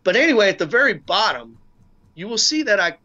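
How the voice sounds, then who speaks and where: A man talking casually as a guest, halting often with fillers and restarts. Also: high voice, sing-song, sharp tone, dull audio. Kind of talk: casual discussion.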